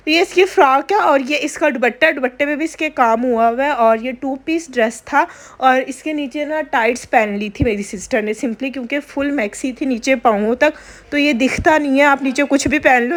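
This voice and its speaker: A young woman chatting casually in a home vlog while recovering from a sore throat after a flu. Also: a little high. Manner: chatty, confiding, drawn-out complaints. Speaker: vlogger.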